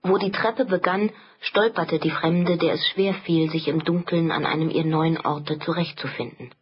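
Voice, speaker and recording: Husky, lowish-voiced woman audiobook narrator, measured. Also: fairly even intonation, muffled recording. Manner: measured storytelling. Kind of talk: scripted narration.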